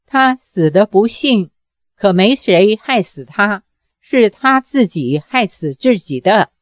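A woman reading the lines of a steady, kind middle-aged martial hero in a slow, grave and earnest way. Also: medium pitch, no room sound, clean studio sound.

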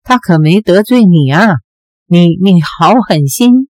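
Lady doing a hot-tempered young swordswoman from a storybook, accusing, slow, dry close sound. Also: fairly low pitch, expressive, no room sound. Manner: accusing, sharp-tongued.

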